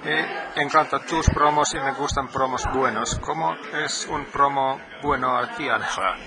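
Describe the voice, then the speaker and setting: A man's voice: medium pitch, measured pace, vocal fry, a crowd in the background. A middle-aged man from Finland, whose first language is Finnish, interviewing a guest in careful, slightly broken phrasing. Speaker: podcast host, interviewer. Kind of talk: casual interview.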